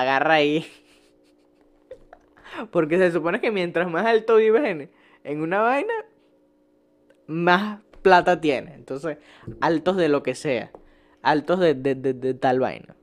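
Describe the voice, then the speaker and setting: A young man with a Venezuelan accent, ranting casually as a vlogger, swearing a lot, laughing often and stumbling over his words. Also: on the high side. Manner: profane, rambling, laughs often, restarts words. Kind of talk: casual rant.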